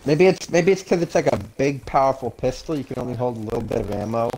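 A man's voice: mid-range voice, expressive, quick pace, a little mellow, a little hiss or hum, poor audio. Man muttering through a co-op game. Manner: muttering, exasperated remarks while playing. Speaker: co-op gaming partner. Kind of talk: casual gameplay commentary.

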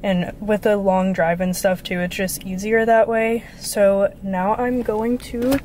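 Young woman, casual vlog talk, chatty with lots of "like", mid pitch, close camera, faint hiss. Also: level tone, unhurried, darkish tone. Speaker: vlogger studying for a medical school entrance exam. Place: apartment living room, indoors.

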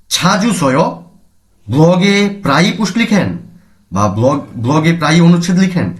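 A man with a Bangladeshi accent teaching a language lesson, explaining each word, repeating terms and answering his own questions. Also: a little high.

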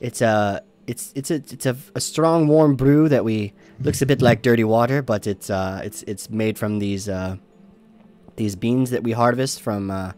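Fussy middle-aged barmaid, put on by a man, raised pitch, stammering, game voice. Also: normal speed, darkish tone, soft background music, lightly acted. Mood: prim. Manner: flustered, stammering.

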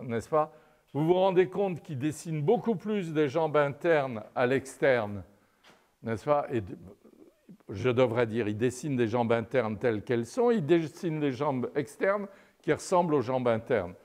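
An older man lecturing on anatomy while he draws at the board. He talks slowly and unhurriedly, wandering off into wry asides. His pitch rises and falls widely, and he keeps checking in with his listeners. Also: a little mellow. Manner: digressive and wry, peppered with "n'est-ce pas". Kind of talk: live art-anatomy lecture at a chalkboard.

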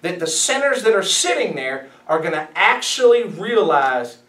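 A man preaching as a pastor, emphatic and animated, asking his listeners questions as he teaches. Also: high voice, normal speed. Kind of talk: sermon, Bible study teaching. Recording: echoey room, mic at a distance.

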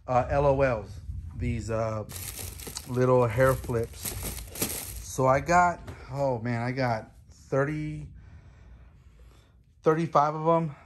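A man in his thirties or forties talks casually and haltingly as a vlog host, recorded in his garage during a thunderstorm. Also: medium pitch. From Houston, Texas. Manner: halting, unscripted delivery. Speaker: host of a toy reselling channel. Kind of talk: casual vlog, showing clearance finds. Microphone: phone at arm's length, handheld camera. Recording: faint-to-clear background noise in garage. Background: rain and thunder noise, clicks.

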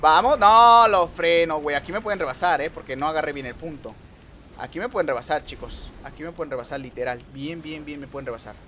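A young man giving lively gameplay commentary, talking to viewers and teasing rivals. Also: on the high side, fast talker, slight background noise. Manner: excitable, talks to viewers and rivals, trash-talks. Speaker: gaming youtuber.

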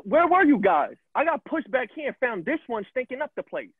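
A man's voice: very high voice, very animated, fairly quick, husky, no echo, full character voice. A young man acting a tough, confrontational young man with brash street slang, in an amateur videoplay recorded over a video call. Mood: hostile. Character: tough young man claiming a space as his own. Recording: tinny phone-like video call audio.

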